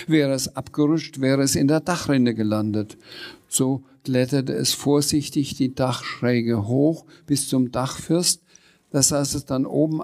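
A man reading a children's story aloud in a relaxed way, with small slips and fillers. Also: medium pitch, vocal fry.

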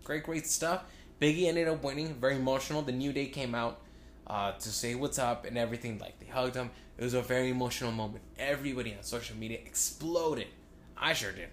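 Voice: mid-range voice, a little fast, roomy sound, a little hiss or hum. A podcast host talking casually and emphatically in slang, often repeating phrases. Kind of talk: casual wrestling podcast talk.

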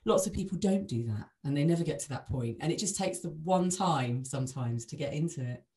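A woman's voice: low voice, expressive, brisk, dark tone. A woman hosting a casual conversation, asking questions and chatting along informally. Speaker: host.

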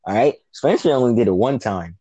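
A man hosting a casual TV recap, telling the story with lively energy and acting out quoted lines. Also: mid-range voice, a little fast, breathy edge, no room sound, dull audio. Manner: animated, acts out quotes, swears casually. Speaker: podcast co-host.

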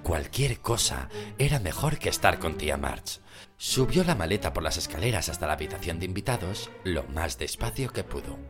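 Deep-voiced male audiobook narrator. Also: moderate pace. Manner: expressive storytelling reading. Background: background music.

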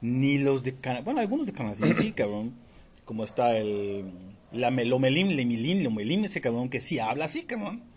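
A Mexican man from Yucatán in a casual podcast chat, crude and joking, swearing nearly every line, with a scratchy throat he keeps clearing. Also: mid-range voice, sing-song, normal speed, darkish tone. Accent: Mexican Spanish. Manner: crude, swears constantly, jokey. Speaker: podcast co-host.

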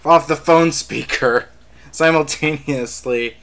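A man hosting a casual podcast chat, his voice re-recorded through a phone speaker. He talks in a rambling, halting way with fillers. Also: a little high, noisy background. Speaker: podcast host. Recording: distant, off-mic phone-speaker sound.

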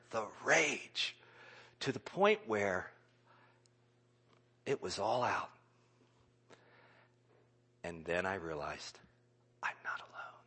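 A man preaching a sermon as a pastor, swinging from loud exclamations down to hushed whispers. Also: low-pitched, slightly rough.

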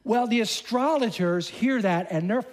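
A man delivers a sermon with a notably high voice, retelling an old story in a loose, chatty way. He slips into quick impressions of the characters and throws in casual asides to the congregation. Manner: animated, acts out dialogue in voices. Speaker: preacher.

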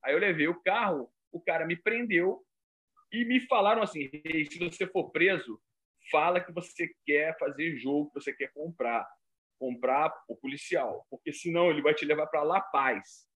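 A comedian from Rio de Janeiro with a carioca accent, telling stories in a casual chat and acting out voices. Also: male voice, a little high, normal speed, slightly rough. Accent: Rio de Janeiro Portuguese. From Rio de Janeiro, Brazil. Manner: animated, acts out voices in his stories. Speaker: comedian guest. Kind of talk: casual storytelling.

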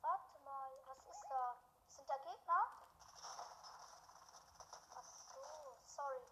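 High-pitched young teammate chatting over game voice, quick questions, faint noise. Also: big pitch swings. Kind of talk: casual game voice chat.

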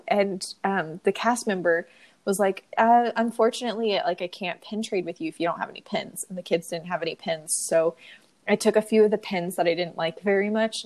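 Her voice is medium-pitched with a darkish tone. A young adult woman co-hosting a podcast, she chats casually and tells a filler-heavy story while sniffling from crying.

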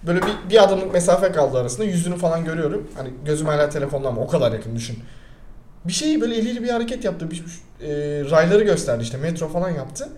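A man's voice: fairly high pitch, very fast, reverberant, slight background noise. A young man chatting casually as a podcast co-host, rambling and joking as he tells stories. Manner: rambling, joking, animated storytelling. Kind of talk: casual chat.

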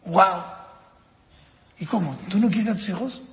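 A man's voice: high-pitched, a little slow, a little hiss or hum. A man teaching a course for parents, telling stories and putting questions to the audience. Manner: animated storytelling with questions to the audience. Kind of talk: lecture to parents. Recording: echoey hall with long reverb.

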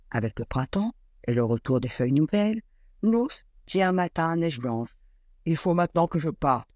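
A man reading a classic fairy tale aloud in an expressive, lilting storyteller manner. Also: on the high side, no room sound.

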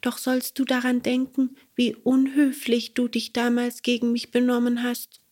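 A woman voicing a small, wise cricket in a storybook reading, with a thin, whispery high voice. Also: completely flat delivery, moderate pace, darkish tone, lightly acted. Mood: gentle. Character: small wise cricket, stern but kind.

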